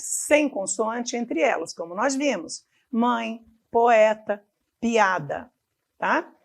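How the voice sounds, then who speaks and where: Woman teacher from Brazil, Amazonas accent, fairly high voice, slow and deliberate delivery for a recorded lesson. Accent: Amazonas Brazilian Portuguese. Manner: slow and deliberate, stretching example words, checking in with "tá bom?".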